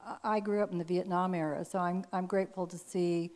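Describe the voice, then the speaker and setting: A woman's voice: fairly low pitch, fairly even intonation, fairly quick, a little mellow. A woman hosting a show and interviewing a guest, asking questions in an earnest, appreciative way.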